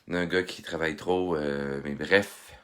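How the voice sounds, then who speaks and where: A man's voice: a bass voice, fairly even intonation, measured pace, a bit bright. A man with a Québécois accent, a little stuffy from a head cold, chatting through a casual live art tutorial and greeting viewers by name. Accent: Québécois French. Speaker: art instructor hosting a live stream. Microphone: phone.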